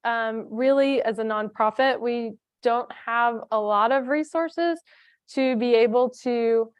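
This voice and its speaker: A woman's voice: fairly high pitch, slow, clear, resonant tone, no room sound. A woman from a nonprofit giving a conference presentation, talking in a chatty way with many fillers and restarts. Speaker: foundation staff presenter.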